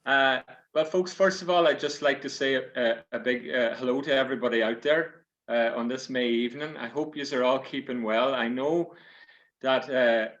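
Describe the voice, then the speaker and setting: A man's voice: mid-range voice, normal speed, a bit bright, muffled recording. Donegal Irish storyteller, a folksy man. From South Donegal, Ireland. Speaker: storyteller and author. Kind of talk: Irish storyteller addressing an audience.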